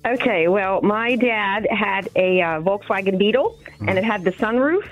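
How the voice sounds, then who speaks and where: A woman calls in to a radio show to share a story. She talks at an easy mid pitch, stops and starts as she searches for words, and laughs often. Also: lively intonation, normal speed, lo-fi sound, faint music behind. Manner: chatty, laughing, hesitant. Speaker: caller. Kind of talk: phone-in anecdote.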